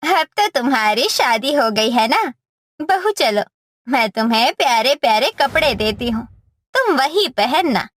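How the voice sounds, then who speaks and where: A shrill scolding mother-in-law. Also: very animated, unhurried, a bit bright, full character voice. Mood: fussing. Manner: shrill, mocking insults. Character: scolding middle-aged mother-in-law, sharp-tongued. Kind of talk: cartoon story voice acting.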